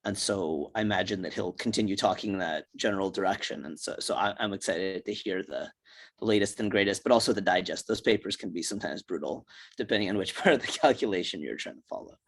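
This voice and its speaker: Low-voiced male host on a call, chatty intro, lots of fillers. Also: quick pace, vocal fry. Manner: loose, chatty, many fillers like "you know". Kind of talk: casual introduction on a video call. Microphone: video call.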